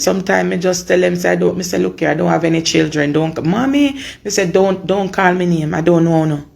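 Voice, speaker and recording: A hoarse, lowish-voiced woman with a Jamaican accent gives supporters an informal, earnest update on her daughter. She repeats phrases for emphasis.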